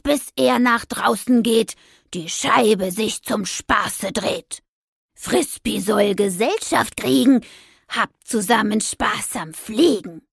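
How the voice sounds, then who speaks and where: A hot-tempered young witch from an audio storybook speaks brash and self-righteous, her voice pitched above the narration, as a woman reader acts her out. A husky, grainy tone, close and dry. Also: no room sound. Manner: indignant, brash, shouting at passers-by.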